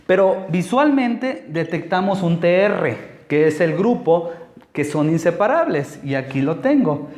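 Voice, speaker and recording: Guy teaching grammar real slow and patient, kinda echoey room. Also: sits high, big pitch swings, darkish tone. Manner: slow, patient, step-by-step explaining. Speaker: language teacher. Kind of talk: explaining a lesson at a board.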